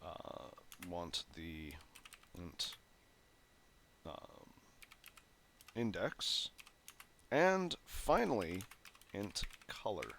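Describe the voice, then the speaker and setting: A programming tutorial host with a phlegmy throat gives a casual coding walkthrough, clearing his throat, thinking aloud with fillers, and correcting himself as he types. His low voice swings hugely in pitch, with vocal fry, extremely slow delivery, and long pauses, and it sounds a bit bright. Keyboard typing and clicks run in the background, along with a little hiss or hum.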